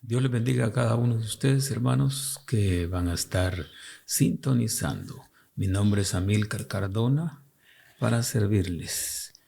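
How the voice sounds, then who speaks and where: A man from El Salvador with a Salvadoran Spanish accent, a pastor speaking as a guest on a radio interview, measured and hesitant, often answering with short murmurs of agreement. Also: on the low side, expressive, vocal fry, mellow, a little hiss or hum.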